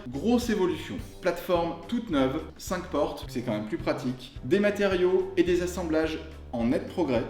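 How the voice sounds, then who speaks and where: A man presents a car review in a jokey, colloquial style. His voice sits a little high. The sound is somewhat roomy and echoey, with music playing underneath. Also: darkish tone. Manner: jokey, colloquial, tongue-in-cheek. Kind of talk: casual car review to camera.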